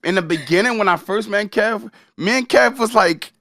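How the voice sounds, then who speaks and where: Bright-voiced man co-hosting a podcast. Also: high voice, moderate pace, dry recording, studio quality. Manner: keeps agreeing, saying "facts". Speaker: podcast co-host. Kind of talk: casual chat.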